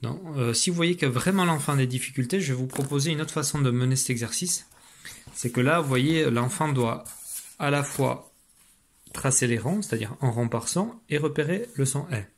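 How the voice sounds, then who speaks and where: A man's voice: mid-range voice, moderate pace, a little hiss or hum. Man, teacher, explaining to parents, patient, fillers and restarts.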